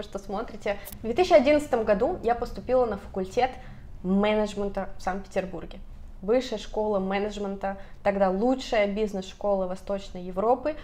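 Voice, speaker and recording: In a bright room of her apartment, a thirty-something vlogger chats to the camera in a relaxed, animated way, her hands moving constantly. Her voice is medium in pitch, captured with a lapel mic.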